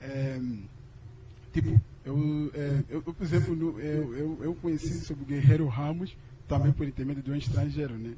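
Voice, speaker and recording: Young angolan guy, chatty, keeps saying né, mixes in english, slightly high voice. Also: fairly even intonation, normal speed, background noise. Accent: Angolan Portuguese. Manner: casual, chatty, tags with "né" and switches into English. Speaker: exchange student asking a question. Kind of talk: audience question at a lecture.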